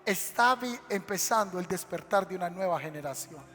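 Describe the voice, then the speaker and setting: A male pastor with a high-pitched, expressive, slightly bright voice preaches a dramatic sermon at normal speed, acting out the scenes he narrates. He's in a church sanctuary, and the recording carries the reverb of the hall along with faint music.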